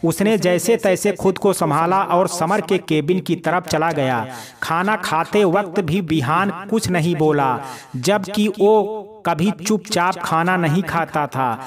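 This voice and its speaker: A man narrating a family story in Hindi, naming each speaker before the line. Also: sits high.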